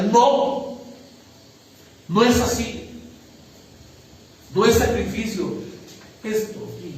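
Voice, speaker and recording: A man's voice: high voice, slight background noise. A man preaching a sermon, emphatic, often checking whether listeners follow. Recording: echoey room, distant mic.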